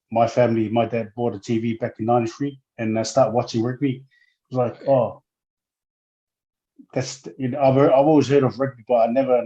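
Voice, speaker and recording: A man's voice: mid-range voice, mellow. Hesitant man, muffled lo-fi sound. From Samoa. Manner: hesitant, many fillers and restarts. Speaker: guest, former rugby player. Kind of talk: casual interview.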